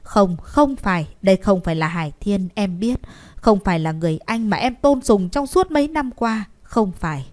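A woman doing a tearful young lover, dark-voiced. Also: medium pitch, moderate pace, close to an everyday voice. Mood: distraught. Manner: tearful, pleading. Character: young woman pleading with her sick love.

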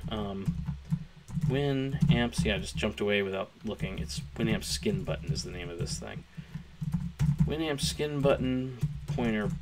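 A man with a hoarse, gravelly voice, thinking aloud as he walks through a coding tutorial. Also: lowish voice, unhurried, over loud music. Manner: thinking aloud while typing, chatty. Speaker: programmer streaming a coding tutorial. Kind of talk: casual live-coding walkthrough. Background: keyboard typing.

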